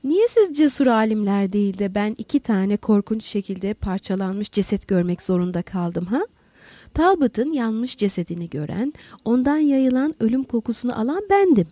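A woman's voice: on the high side, big pitch swings, normal speed, warm tone, dry recording. A woman voicing an agitated, weary middle-aged male doctor in an audiobook, emotional and defensive. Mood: bitter.

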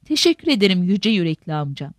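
A woman's voice: fairly low pitch, big pitch swings, fast talker, no echo, studio quality. A woman voicing an earnest, respectful young man, a nephew, in a storybook reading. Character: eager young Venetian nephew, earnest youth.

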